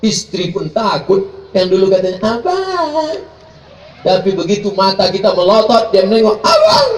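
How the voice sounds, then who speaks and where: A man delivers a humorous live sermon, switching between jokes and chanted Arabic prayers. His voice sits high for a man. It is picked up from a distance in a roomy space with faint noise behind him. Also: steady tone, fairly quick, darkish tone. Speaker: preacher. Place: live gathering, large space.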